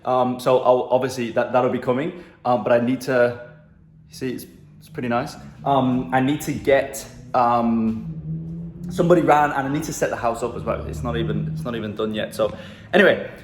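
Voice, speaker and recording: A man's voice: medium pitch, fairly even intonation, normal speed, a little hiss or hum. A man giving casual marketing advice to camera in a phone video, talking loosely with lots of fillers and "right?" tags from a room in his new apartment. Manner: loose and chatty, many fillers like "um", "and whatnot" and "right?". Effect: phone video recording. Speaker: marketing agency coach. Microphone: handheld phone held at arm's length. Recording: echoey room on a phone mic.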